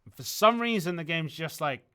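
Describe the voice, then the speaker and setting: A community manager on a game livestream answers viewer questions in relaxed chat, rambling through explanations full of ums and restarts. His voice is bright, smooth, clear and even, a little high in pitch and at normal speed.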